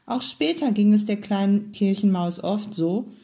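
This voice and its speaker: A woman reads a children's story aloud in a calm, storytelling manner. Her pace is slow and her voice mellow and warm. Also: medium pitch. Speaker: kindergarten head reading a story.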